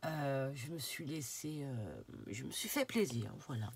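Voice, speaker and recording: A woman's voice: extremely low pitch, measured pace, slight background noise. A woman with a stuffy, nasal voice chatting casually as she shows off a craft shopping haul, with lots of fillers. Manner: relaxed and chatty, with many fillers and "voilà". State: stuffy, congested nose. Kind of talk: casual haul vlog talk to camera. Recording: paper crinkling and clicks behind. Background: crinkling packaging and clicks.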